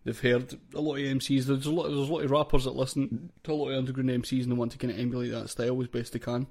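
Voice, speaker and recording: A Scottish man talks as the host of a laid-out review chat. His pitch is average and his manner is informal, with casual wording and some swearing. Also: little pitch movement, racing, a little mellow. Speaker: host of a hip hop review show.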